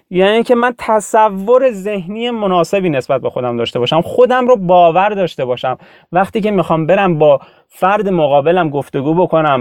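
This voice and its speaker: A man's voice: high-pitched, dry recording, clean studio sound. A man teaching an audio lesson, explaining patiently with everyday comparisons and repeating his points. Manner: explains with homely comparisons and repetition. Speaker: instructor.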